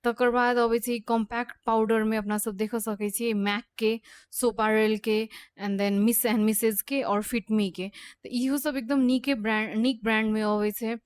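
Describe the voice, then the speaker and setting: A woman's voice: fairly high pitch, flat delivery, unhurried, no room sound. A woman who teaches makeup. She gives a beauty tutorial and hesitates often, mixing English phrases into her speech. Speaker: makeup instructor.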